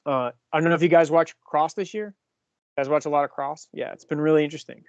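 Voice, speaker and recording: Man in his fifties, cycling coach, chatty explainer, slightly high voice, dull dry lo-fi sound. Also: steady tone, a little fast, smooth, no room sound. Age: 50s. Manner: chatty, explanatory, asks the group questions. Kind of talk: casual team talk.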